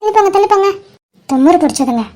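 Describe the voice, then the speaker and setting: An arrogant, bossy young woman from a homemade cartoon who barks orders and sneers at everyone, voiced by a woman. The voice sits high for a woman and carries a sharp, contemptuous edge throughout. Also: expressive, racing. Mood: sneering. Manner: scolding, sneering. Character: scheming haughty young woman, rude and bossy. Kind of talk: animated cartoon voice acting.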